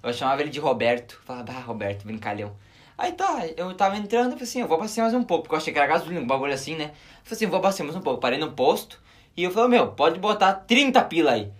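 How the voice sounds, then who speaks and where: Young gaúcho dude rambling fast through a story, pitch jumping all over, slangy. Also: male voice. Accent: southern Brazilian, Rio Grande do Sul. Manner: animated, slangy storyteller acting out quotes. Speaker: podcast co-host. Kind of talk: casual chat, storytelling.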